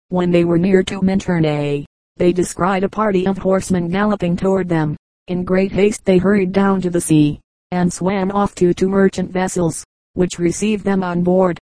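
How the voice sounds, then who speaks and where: Female audiobook reader for a history text; steady, measured delivery, low and monotone. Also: no echo, poor audio. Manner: measured, even reading. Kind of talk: scripted narration of a history book.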